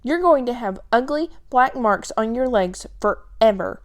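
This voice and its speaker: An earnest young boy, worried and pleading, in a high, raised voice, as a woman reading the story acts him out. His speech is urgent and smooth in tone, part of a storybook reading. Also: big pitch swings, unhurried, warm tone, heavily acted.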